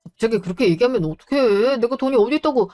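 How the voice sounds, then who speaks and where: A woman's voice: on the high side, animated, fast talker, mellow, soft background music, natural voice. A woman voicing an unfaithful grown man who whines and begs his partner for another chance, in a storybook drama. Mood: pleading. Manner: whiny, begging.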